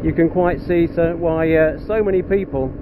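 A man casually reviewing his own motorcycle outdoors on country lanes, plain-spoken with frequent pauses. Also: a little high, dull audio, noisy background. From England. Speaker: motorcycle vlogger.

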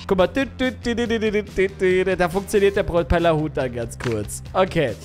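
A young man doing let's play commentary, teasing and excitable as he plays. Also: high voice, fairly quick, soft background music. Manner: excitable, teasing, shrieks and laughs at his game. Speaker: gaming YouTuber.

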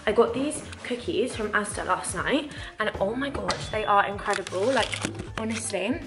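A woman's voice: mid-range voice, lively intonation, over music. Chatty young woman vlogging. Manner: chatty, gushing, quick asides. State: hoarse, lost voice. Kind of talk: casual vlog chat.

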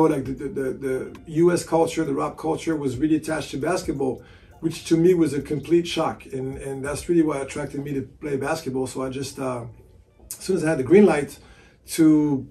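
Gravelly-voiced man in his forties, off-mic. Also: fairly high pitch, warm tone, distant mic. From France. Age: 40s. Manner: casual, many fillers like "you know". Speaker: sports agent and basketball analyst. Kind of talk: relaxed interview answers. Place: hotel room by a window.

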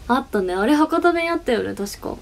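Giggly young woman with a lilt. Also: a little high. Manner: giggly, chatty, reads viewer comments aloud. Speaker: idol livestream host. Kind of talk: casual livestream chat.

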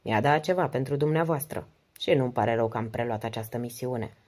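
In an audiobook, a woman with an extremely low voice reads the part of a charming, confident English adventurer. Her delivery is calm and gallant.

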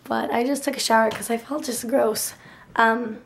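A young adult woman with a nearly lost, raspy whispery voice and dry throat, chatting casually to a handheld camera in a bedroom. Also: a little high, steady tone, moderate pace, a little hiss or hum. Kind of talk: casual vlog chat. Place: bedroom, indoors. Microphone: handheld camera at arm's length.

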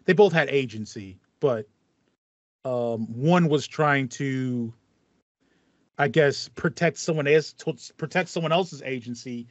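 Via video call from a small home room with foam panels, a man in his thirties co-hosts a podcast of casual video game chat. He speaks slowly in a mid-range voice with no echo, driving points home by saying them again. The audio is slightly dull and band-limited.

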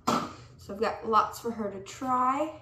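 Slow-talking young woman, roomy and distant. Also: a little high, bright, forceful tone. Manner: slow, unhurried show-and-tell of items. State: pregnant, a little out of breath. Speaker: vlogger. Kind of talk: casual haul vlog. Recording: roomy, off-mic with background noise.

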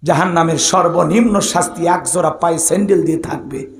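A man preaching a fiery sermon, shouting and chanting verses in a melodic lilt. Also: on the high side, a little fast. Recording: roomy echoing public-address sound.

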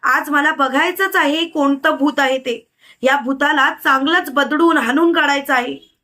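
A woman's voice: high-pitched, unhurried, bright, forceful tone. A woman voicing a stern, determined male village holy man in a retold story, scolding and commanding.

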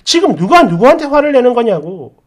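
A woman reading out a hurt wife, exasperated and accusing, pressing her husband for answers with a raised voice. Her pitch swings widely and lively as she argues. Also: fairly quick. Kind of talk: storytelling with acted dialogue.

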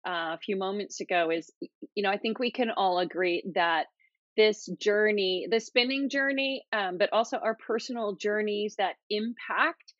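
A woman's voice: mid-range voice, moderate pace, fairly bright tone, dry recording. A woman in her thirties hosting an interview, upbeat and affirming, speaking from a home office. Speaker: host, senior advisor. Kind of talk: video call interview. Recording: dull lo-fi video call audio.

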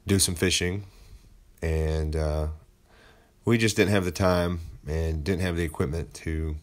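A man hosting a travel and fishing vlog, narrating his trip in a relaxed, conversational voice-over with frequent "uh" fillers. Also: low voice. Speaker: vlog host.

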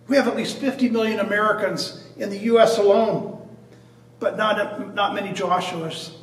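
Older pastor guy, highish voice, preaching from a pulpit, roomy echo, mic kinda far off. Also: fairly even intonation, moderate pace. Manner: earnest preaching with repeated phrases and restarts. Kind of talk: sermon. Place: church sanctuary in front of a stained glass cross. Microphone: far camera at a pulpit. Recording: echoey church heard from a distance.

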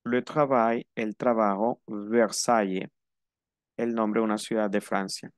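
A man teaching a French lesson, slow and careful, repeating each word for his students. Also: on the low side, steady tone, clear, resonant tone, no echo, clean studio sound. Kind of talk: language lesson.

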